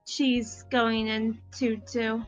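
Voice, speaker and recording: A woman's voice: a little high, level tone, very slow, muffled recording, faint music behind. A woman playing a tabletop game, speaking hesitantly and nervously. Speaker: player.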